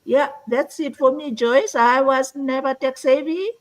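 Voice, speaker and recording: A woman's voice: sits high, fairly even intonation, a little slow, rough recording. A woman in her sixties from Fiji, a guest on an online live-stream interview, telling her story earnestly and filling her sentences with "you know". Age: 60s. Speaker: guest entrepreneur.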